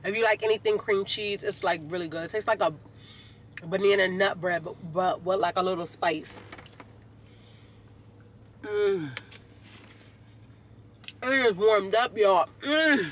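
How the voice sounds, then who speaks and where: A man's voice: high-pitched, measured pace, pauses often, fairly bright tone. A man vlogging in a car, chatting casually and animatedly to his viewers. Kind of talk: casual chat to camera. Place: inside a car. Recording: car noise behind.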